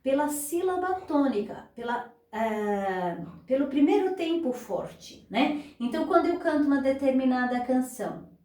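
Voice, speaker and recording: A woman's voice: high voice, lively intonation, measured pace, mellow. A woman teaching beginners guitar, explaining patiently step by step and counting beats aloud. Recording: echoey room, voice a bit far from mic, guitar playing.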